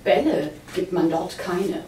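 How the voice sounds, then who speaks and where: A woman's voice: fairly low pitch, fairly even intonation, a little slow, dark tone, slight background noise, natural voice. A woman reading a sly wandering trickster. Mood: sly solemn. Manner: mock-solemn, wheedling storyteller. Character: sly wandering male trickster posing as heavenly messenger. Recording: roomy hall, voice from a distance.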